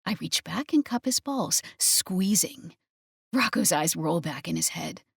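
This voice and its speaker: A woman narrating a first-person romance audiobook in a breathy, intimate manner. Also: lowish voice, lively intonation, measured pace, dry recording, clean studio sound.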